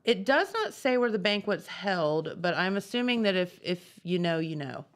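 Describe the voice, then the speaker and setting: A woman's voice: lowish voice, sing-song, moderate pace. A woman co-hosting a local morning TV show, chatting casually and reading community announcements in a studio.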